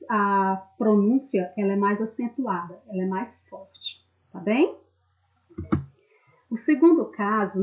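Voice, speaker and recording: A woman's voice: a little high, darkish tone. A woman Portuguese teacher from Brazil giving a recorded class, patiently explaining step by step and often checking in with her students. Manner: voices students' questions herself. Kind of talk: recorded online class lesson. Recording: slightly dull lo-fi audio.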